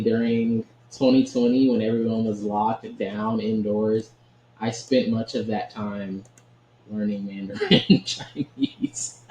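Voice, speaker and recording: A man's voice: medium pitch, a little mellow, lo-fi sound. A man giving casual, chatty commentary while he plays a card game, often laughing and checking in with "right?". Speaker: gaming channel host. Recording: echoey room with faint ambient noise.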